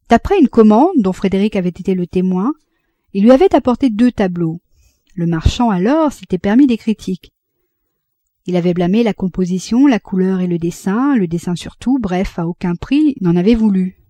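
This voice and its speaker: A woman narrating a literary audiobook in a measured, expressive reading. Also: medium pitch, no echo. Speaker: audiobook reader.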